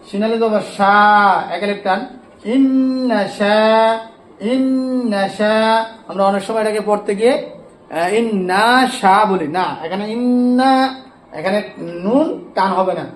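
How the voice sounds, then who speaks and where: A man from Bangladesh teaching an online Quran lesson, spelling out letters and vowel marks and then slowly reciting each word. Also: high-pitched, echoey room, slight background noise, poor audio.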